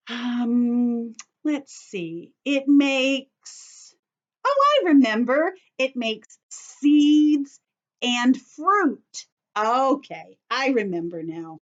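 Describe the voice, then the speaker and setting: Recorded through a computer's built-in camera and microphone, the audio is muffled and her voice sits on the high side. She's a children's teacher running an online story time, patiently walking young children through a craft step by step in simple, sing-song language and checking in with questions often.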